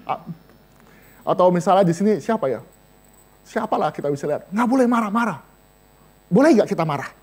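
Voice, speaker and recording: A man delivers a sermon. His pitch swings widely as he jokes and talks straight to his listeners. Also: brisk, pauses often. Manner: lively, joking, addresses listeners directly. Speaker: vicar preaching to a women's and seniors' Bible study.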